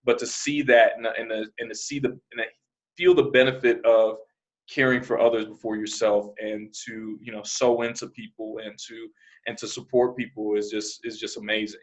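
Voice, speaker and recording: A man from New Jersey who grew up in Arizona, a podcast guest talking in a relaxed, rambling way with many "you know" fillers. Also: fairly low pitch, normal speed, poor audio. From born in New Jersey, raised in Arizona. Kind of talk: casual interview.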